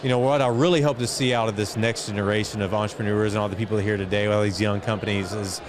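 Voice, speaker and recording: Speaking fast in a lowish, steady voice, this middle-aged interview guest reflects conversationally on his work as an entrepreneur and foundation chairman. A crowd can be heard behind him, along with street and vehicle noise from the outdoor event.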